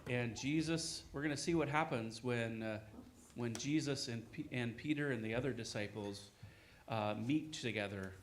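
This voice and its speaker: A man acting as master of ceremonies, giving informal, halting, unscripted introductions at a talent show. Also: mid-range voice, slight background noise.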